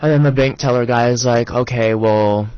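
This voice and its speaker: A young man co-hosting a college radio show, telling a story in an animated, exasperated way. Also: mid-range voice, moderate pace, clear, resonant tone, no room sound, highs cut off. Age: young adult. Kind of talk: casual storytelling chat.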